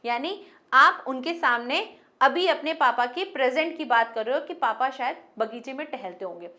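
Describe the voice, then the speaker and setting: High-voiced woman teaching Hindi grammar. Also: expressive, normal speed, bright, forceful tone. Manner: explains with everyday example sentences, talks directly to students; mixes English words into Hindi. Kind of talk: online grammar lesson.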